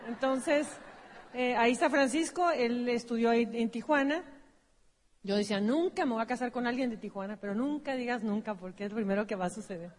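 A woman's voice: a little high, brisk. A woman with a Mexican accent presenting a business seminar, telling her story casually with self-corrections. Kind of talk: personal storytelling on stage. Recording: long hall reverb.

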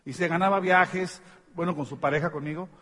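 A Mexican man presents to a seminar audience from the stage, joking and stumbling over fillers. His voice sits high and sounds husky. It rings out with the long reverb of a large hall. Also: steady tone, a bit bright. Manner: joking, halting, with many fillers.

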